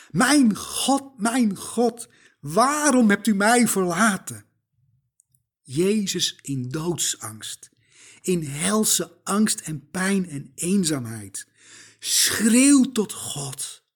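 A man preaching a sermon, slow and emphatic, putting rhetorical questions straight to the listener. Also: fairly high pitch, breathy edge.

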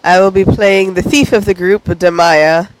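A woman's voice: lowish voice, fairly even intonation, moderate pace, background noise. A woman with a congested, rattly, phlegmy chest cold, chatting casually as a player on a tabletop game podcast. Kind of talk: casual group chat.

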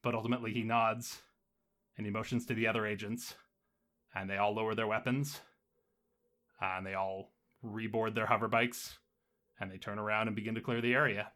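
Bright-voiced male game master. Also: fairly low pitch, fairly quick, long pauses. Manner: relaxed, repeats words often when narrating. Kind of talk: narrating a tabletop role-playing game.

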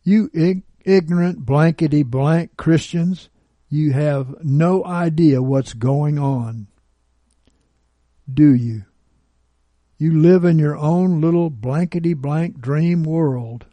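A man's voice: medium pitch, lively intonation, a little slow, dark tone, dry recording. A contemptuous witch, read by a man. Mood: scornful. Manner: contemptuous, arrogant. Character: scornful bitter woman, a self-declared witch. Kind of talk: read-aloud testimony.

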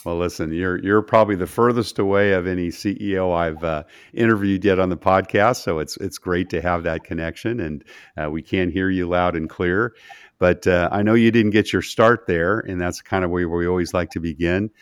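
A man's voice: deep voice, moderate pace, smooth, dry recording, clean studio sound. A man hosting an interview podcast, speaking as a presenter and interviewer. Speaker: podcast host. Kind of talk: scripted intro and interview chat.

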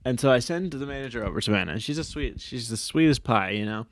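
A man's voice: mid-range voice, fast talker, no echo, studio quality. A man co-hosting a podcast, casually telling a story, swearing freely and acting out what people said. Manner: animated, swears freely, acts out quotes. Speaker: podcast co-host.

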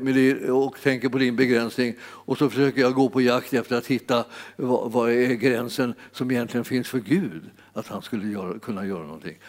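En man som predikar med många omtagningar och upprepade ord, som ibland stegras till utrop. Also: mid-range voice. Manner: halting, repeats words, rises to exclamations. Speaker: preacher. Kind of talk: sermon. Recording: long hall reverb.

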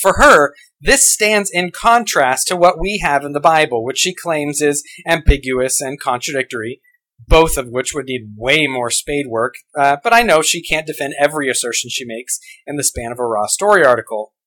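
A man's voice: on the high side, normal speed, bright, forceful tone, rough recording. A man hosting a podcast, delivering a scripted rebuttal in a sarcastic, argumentative way, with many pointed rhetorical questions. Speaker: podcast host and blogger.

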